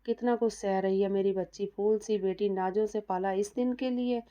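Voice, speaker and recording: A woman's voice: mid-range voice, steady tone, normal speed, warm tone, clean tone, natural voice. A woman voicing a doting, protective middle-aged mother who soothes and bristles, in a dull lo-fi recording. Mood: indignant. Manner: soothing, indignant.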